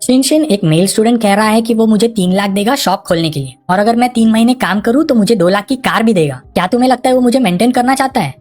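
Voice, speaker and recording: A woman's voice: a little high, quick pace, few pauses, darkish tone, natural voice. A woman voicing a shy young woman who speaks hesitantly and bashfully.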